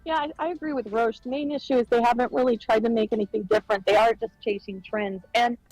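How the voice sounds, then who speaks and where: A woman's voice: on the high side, steady tone, fast talker, darkish tone, no echo, soft background music, rough recording. A woman co-hosting a gaming podcast over a remote call, rambling in casual chat with lots of fillers and restarts. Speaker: podcast co-host. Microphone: remote call-in mic.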